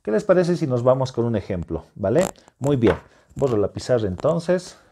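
A man's voice: mid-range voice, big pitch swings, moderate pace, dark tone. A man teaching a math lesson to secondary students at a whiteboard. He explains step by step, reassures the class, and keeps checking that they follow. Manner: patient, explaining step by step with frequent check-in questions.

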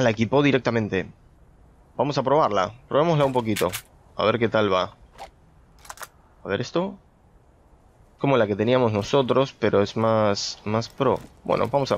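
A man's voice: on the low side, muffled recording. A young man giving casual gameplay commentary, chatty and thinking aloud as he plays, talking to his viewers. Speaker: gameplay streamer.

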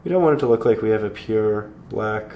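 A man calmly guiding viewers through a step-by-step painting tutorial, slightly hoarse, in an unhurried, encouraging way. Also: lowish voice, highs cut off, slight background noise. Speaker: painting instructor.

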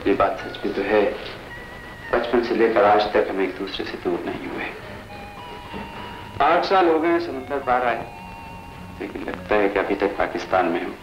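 A man's voice: lowish voice, big pitch swings, long pauses. An actor playing a homesick young man abroad who speaks in a tender, reflective way, in 1980 film dialogue. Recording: roomy lo-fi old film soundtrack with music.

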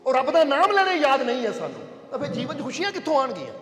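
A man's voice: extremely high pitch, wildly swooping pitch, quick pace. A man preaching a sermon, telling a story and asking his listeners whether they follow. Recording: echoey hall with faint music.

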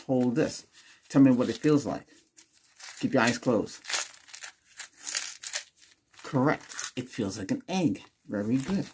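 In a small indoor room with a cloth backdrop, an older man acts out an ASMR doctor exam with short instructions and brief questions. His mid-range voice is a little mellow, and there's a little hiss or hum.

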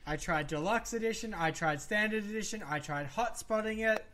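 A man's voice: high-pitched, normal speed, bright, forceful tone, slight background noise. A man co-hosting a podcast, bantering and joking in his own defense. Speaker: podcast co-host. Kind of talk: casual chat.

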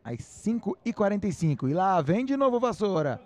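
A man's voice: high voice, sing-song, fairly quick, darkish tone. A Brazilian man working as a sports commentator, calling live play-by-play in short, clipped phrases.

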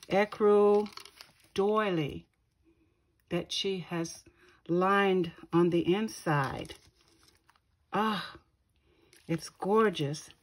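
Female craft vlogger, low-pitched and unhurried, admiring gifts in a casual show-and-tell. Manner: slow, gushing, pausing often to find words. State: keeps clearing her throat. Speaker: craft channel host.

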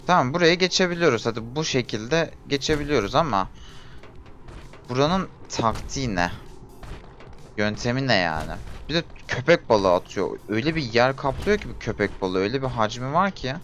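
A man giving frustrated commentary while playing a game, groaning, pleading and shouting at it. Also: mid-range voice, lively intonation, normal speed, soft background music. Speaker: gameplay streamer.

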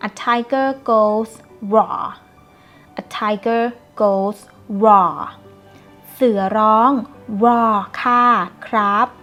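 A woman teaching English phrases to children, saying each line clearly and translating it. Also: fairly high pitch. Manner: clear, slow teacherly pronunciation with Thai translations. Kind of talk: bilingual phrase lesson, slow repeated English lines. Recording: soft background music.

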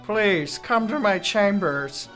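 A man's voice: sits high, animated, a bit bright, faint music behind, pitched above the performer's own voice, full character voice. A man putting on a doddering old king. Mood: pleading. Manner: halting, stammering delivery.

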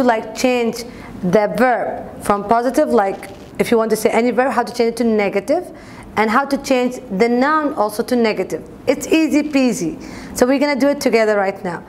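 A young adult woman hosts a language lesson video, informally explaining and repeating example words to the camera from a bright indoor office classroom. Her voice is a little high, with slight background noise in the recording.

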